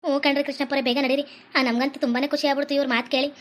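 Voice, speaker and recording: A young village wife, played by a woman. Her voice is very high and she talks rapidly in a pleading tone. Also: flat delivery, natural voice. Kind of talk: comedy sketch acting.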